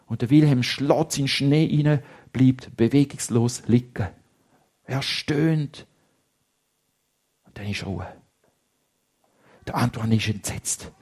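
This Swiss German-accented storyteller speaks to children at a medium pitch, taking his time with long pauses. His husky voice stays lively but sinks to hushed tones at the suspenseful moments.

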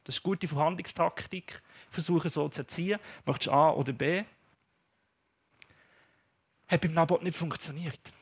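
Swiss german preacher telling a bible story, chatty and lively, fairly high voice. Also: male voice, normal speed, long pauses, slightly rough. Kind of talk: sermon retelling a Bible story.

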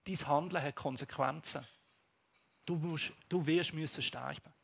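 A man with a Swiss German accent voicing a stern prophet who gravely warns of consequences. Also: fairly high pitch, measured pace, voice pushed down, heavily acted. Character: stern prophet warning a king.

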